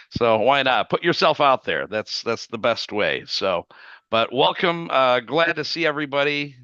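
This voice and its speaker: A man with a raspy voice, bright and forward in tone, hosting a weekly livestream in an easygoing, chatty way. The sound is dry and a little dull, like video-call audio. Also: medium pitch, expressive, measured pace, no room sound. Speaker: livestream host. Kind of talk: casual chat and show opening.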